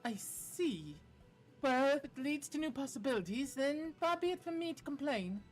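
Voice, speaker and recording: A woman's voice: sits high, sing-song, moderate pace, pitched above the performer's own voice. A woman reading as a courteous scholarly mentor from a game, speaking formally and now and then stumbling over a word. Faint game music plays behind. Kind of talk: reading game dialogue aloud.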